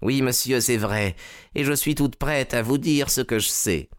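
A man's voice: mid-range voice, measured pace, smooth, dry recording, clean studio sound, voice pushed up, close to an everyday voice. A man voicing a tall, thin female housekeeper who speaks plainly and frankly.

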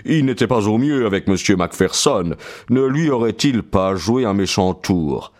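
A man's voice: on the low side, animated, measured pace, darkish tone. A man reading an audiobook, voicing a doubtful male police inspector who questions in a probing way.

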